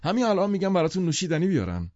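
Brief: man doing a nervous, too-eager rich host in a dull lo-fi audiobook recording, pitched up above the reader's own voice. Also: big pitch swings, a little mellow, no echo. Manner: hurried, overly hospitable. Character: eager, anxious wealthy male host, middle-aged.

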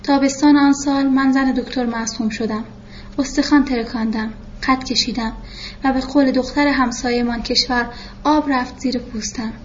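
A woman narrating a first-person novel in a reflective, measured way, in a muffled recording with faint hiss. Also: high-pitched, steady tone. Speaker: audiobook narrator.

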